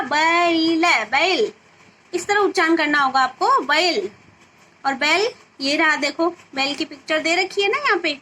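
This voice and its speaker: A woman teaching young children a Hindi lesson, patiently asking questions and answering them herself, and repeating words slowly so they can be pronounced. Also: very high-pitched, bright, forceful tone, slight background noise.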